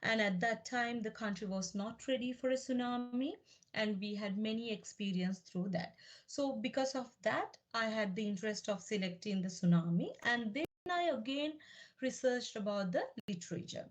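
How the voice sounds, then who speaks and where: A woman from Sri Lanka giving an academic lecture about her doctoral research, speaking in a measured, explanatory way with frequent fillers and restarts. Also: a little high.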